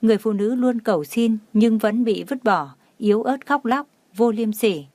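A woman narrating a romance story in a steady, even storytelling manner. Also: on the high side, normal speed, no room sound.

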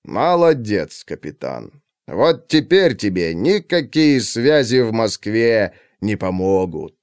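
A man's voice: on the low side, very animated, slow pace, clean tone, no room sound, clean studio sound, heavily acted. A man voicing a domineering, irritated police colonel in an audiobook reading. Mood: condescending. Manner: irritated, condescending. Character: domineering middle-aged male police colonel.

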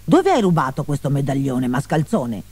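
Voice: mid-range voice, huge pitch swings, moderate pace, a little mellow, slightly rough, pitched below the performer's own voice. Blustering miserly old merchant, commanding, voiced by the narrator. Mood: suspicious. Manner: blustering, bossy. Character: stingy older merchant father, blustering.

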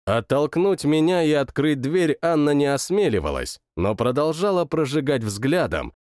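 A man with a medium-pitched voice narrates an audiobook in first person with clean studio sound and no room sound. His delivery is lively, with growled outbursts in the quoted lines.

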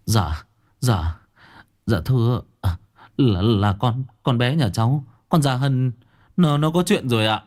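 A man's voice: mid-range voice, takes it slowly, darkish tone, lightly acted. A man voicing a panicked middle-aged father who stammers and begs for help. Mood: pleading. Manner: frantic, stammering, pleading.

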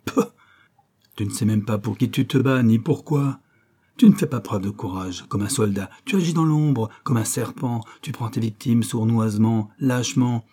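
Guy doing a blunt angry old pal, dark husky voice, scolding hard. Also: medium pitch, normal speed, lightly acted. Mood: indignant. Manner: scolding, heated and accusing. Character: Léopold, old friend, blunt and indignant man. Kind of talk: audiobook reading.

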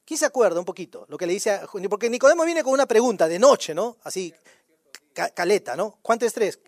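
A man's voice: sits high, lively intonation, fairly quick, no echo, studio quality. A male pastor preaching a sermon in a conversational way, firing rhetorical questions at the congregation.

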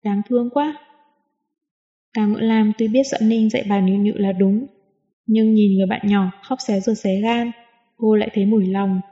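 Female audiobook narrator, even and smooth; dull lo-fi sound with long reverb. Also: mid-range voice, moderate pace. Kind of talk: scripted narration.

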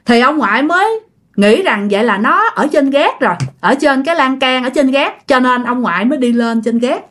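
A woman recounting a ghost story in a chatty, casual manner. Her voice is high and very lively, rising and falling freely. She keeps turning to address her listeners directly. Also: moderate pace.

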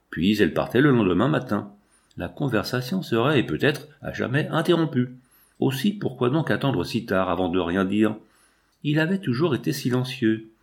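Male narrator for literary audiobook, measured yet lively in pitch. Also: creaky. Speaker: audiobook reader.

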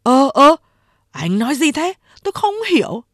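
A woman's voice: fairly high pitch, big pitch swings, unhurried, a bit bright, no room sound, studio quality. A woman voicing a sly, sleazy young male underling who wheedles and plays innocent.

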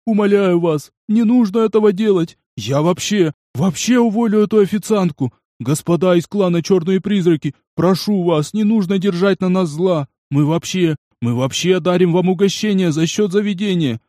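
A man's voice: high-pitched, moderate pace, few pauses, mellow, no echo, clean studio sound, voice pushed up, close to an everyday voice. A man voicing an old male cafe owner who grovels and pleads shrilly, in an audiobook. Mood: groveling.

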